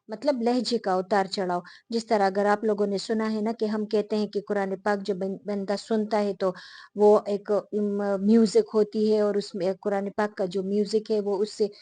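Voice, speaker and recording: A woman teacher explaining a lesson to her viewers, repeating the key terms slowly and pausing often with fillers. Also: mid-range voice, warm tone, no echo. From Pakistan.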